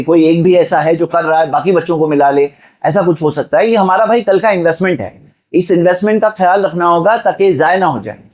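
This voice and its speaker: Delivering a Friday sermon, a Mumbai-born man exhorts his audience with a voice on the high side and a little mellow. Rhetorical questions and direct address to the listeners shape his delivery.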